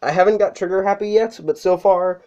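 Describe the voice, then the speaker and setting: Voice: medium pitch, a little fast, mellow. A toy reviewer talking casually through a hands-on review, sick and a little out of breath, with fillers and self-corrections. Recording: dull lo-fi recording.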